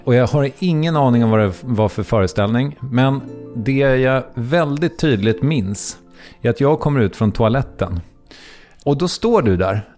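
A man's voice: medium pitch, soft background music. Candid man hosting an interview. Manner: candid, animated storyteller. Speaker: podcast host. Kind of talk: interview conversation.

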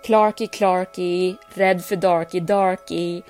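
A woman's voice: fairly low pitch, darkish tone, soft background music, close to an everyday voice. Woman doing a cocky prankster guy. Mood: taunting. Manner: gleeful, teasing, dismissive. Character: cocky young male prankster coworker.

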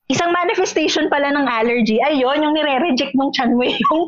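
Young woman from the Philippines, high voice, lively storytelling, dry slightly dull recording. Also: brisk, no echo. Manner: animated storytelling, switches between Filipino and English. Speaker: podcast co-host. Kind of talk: casual chat.

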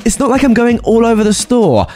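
A man voicing an entitled mother with a Canadian accent who is whiny, indignant and loud. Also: very high voice, lively intonation, brisk, pitched above the performer's own voice. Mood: demanding.

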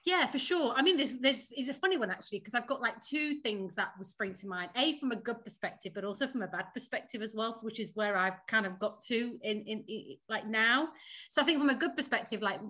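Woman, Sheffield accent, thirties, crisp bright tone, chatty and laughing, casual interview. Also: fairly high pitch, expressive, fairly quick. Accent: Northern English (Sheffield). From Sheffield, England. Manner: chatty, laughs often, many fillers. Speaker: podcast guest, company founder.

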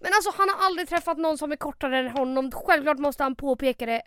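A young woman co-hosting a podcast, telling a story in an animated way, quoting people and swearing freely. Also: sits high. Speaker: podcast co-host. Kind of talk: casual storytelling chat.

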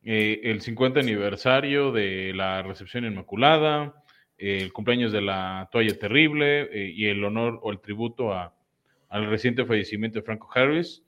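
A man's voice: on the low side, moderate pace, a bit bright. A man co-hosting a casual sports talk show, breaking down games analytically. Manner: analytical, frequent fillers. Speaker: podcast co-host. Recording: muffled lo-fi audio.

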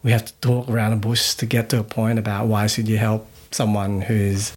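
A middle-aged man who grew up in Thailand, a podcast guest talking casually in a relaxed, rambling way with many restarts. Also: on the low side, fairly quick, husky. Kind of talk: casual interview chat.

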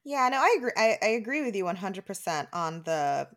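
A woman's voice: mid-range voice, very animated, a little fast, a bit bright. A woman in her thirties co-hosting a casual podcast, talking through her thoughts with frequent restarts and easy laughter. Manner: chatty, many restarts and "like"s, laughs easily. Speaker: podcast co-host.

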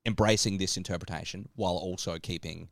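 Low-voiced man, rambling podcast co-host. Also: brisk, gravelly, no room sound. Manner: rambling, animated, many restarts. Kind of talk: casual discussion.

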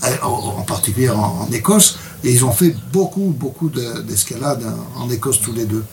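A man's voice: mid-range voice, normal speed, a little hiss or hum. Hesitant man, a bit distant from the mic. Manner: hesitant, repeats words. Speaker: translator presenting a book. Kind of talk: casual interview chat with read excerpt.

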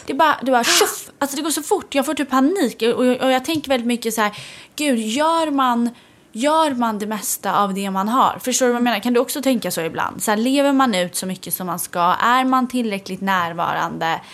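A woman's voice: a little high, a bit bright. A young woman from Sweden, co-hosting a podcast, musing aloud in casual chat and asking many rhetorical questions. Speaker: podcast co-host.

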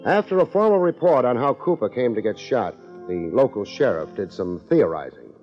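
A man's voice: medium pitch, very animated, moderate pace. A man narrating and acting as a hard-boiled detective in an old radio mystery, in a terse, clipped manner. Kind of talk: 1950s radio drama narration. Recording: dull old radio broadcast with music.

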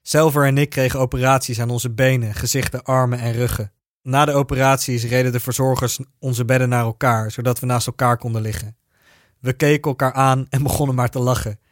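A man reading a first-person story aloud in a steady, even narrating voice. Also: medium pitch, a little fast, no room sound, studio quality.

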